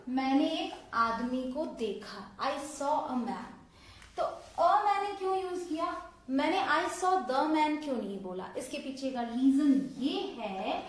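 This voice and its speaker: Brief: woman grammar teacher, high voice, patient step-by-step explaining, strong room echo. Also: a bit bright. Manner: explains step by step, quizzing viewers with questions. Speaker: English teacher. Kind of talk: online grammar lesson. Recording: echoey room.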